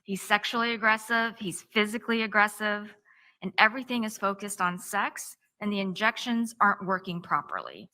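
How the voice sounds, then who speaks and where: Woman, defense attorney, courtroom opening statement, bright sharp voice, measured step-by-step telling. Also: mid-range voice, expressive. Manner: tells events step by step in present tense, measured.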